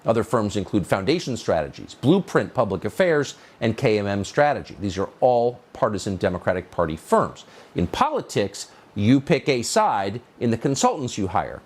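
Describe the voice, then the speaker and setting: A middle-aged male news host with a lively pitch that swings up and down as he mocks and needles. He delivers his opinion monologue with sarcastic incredulity. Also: moderate pace.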